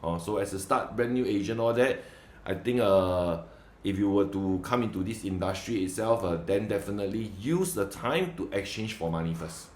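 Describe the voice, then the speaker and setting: A man's voice: fairly low pitch, normal speed, a little mellow. A man with a Singaporean accent hosting a casual interview as a property agent, recorded with a roomy echo. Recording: roomy, echoing sound.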